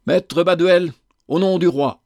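A man's voice: high voice, takes it slowly, mellow, dry recording, clean studio sound, voice pushed up. A man voicing a stern royal army captain who speaks formally and insistently in a storybook reading. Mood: commanding.

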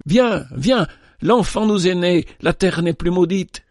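A man's voice: high-pitched, lively intonation, unhurried, darkish tone, no echo, voice pushed up. Cast: a man playing a kindly shepherd, earnest and pleading, a touch raised, storybook reading, dry sound. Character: kindly devout male shepherd, earnest and warm-hearted.

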